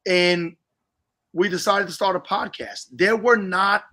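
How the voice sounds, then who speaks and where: Chatty man with a bright, forceful voice. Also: sits high, steady tone, unhurried. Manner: chatty, rambling, jokey. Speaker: podcast host. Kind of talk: casual livestream chat.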